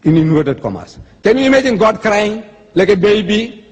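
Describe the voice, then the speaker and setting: A man with a husky, breathy voice pitched a little high argues his case in a public debate, repeating key phrases for emphasis. His words ring out with a long reverb, as if recorded in a large lecture hall. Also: sing-song, normal speed, darkish tone.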